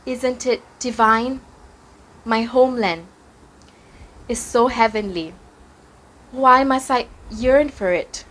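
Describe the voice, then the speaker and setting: A woman voicing a gentle, wistful father who longs for his homeland, speaking softly with sighs. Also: on the high side, slow pace, long pauses. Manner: soft, sighing, tender.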